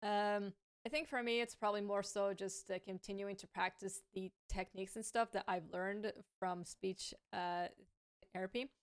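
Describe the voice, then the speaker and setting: Her voice is smooth and clear, medium in pitch, steady in tone and moderate in pace as she casually answers viewers' questions on camera. She often stammers, repeating sounds and restarting words, while staying thoughtful and honest and laughing lightly.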